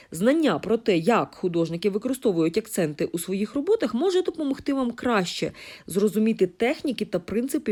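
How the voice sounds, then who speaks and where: A woman from Ukraine explaining design and art principles in a lesson, talking with fillers and quick self-corrections. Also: mid-range voice, dark tone. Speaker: art teacher.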